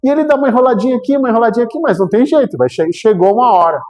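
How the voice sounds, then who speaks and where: A man with a Brazilian Portuguese accent, a guest speaker telling a story in a spiritual talk. He tells it in a lively way, acts out the quotes and keeps checking in with the listeners. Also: extremely high pitch, rapid-fire. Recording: long hall reverb.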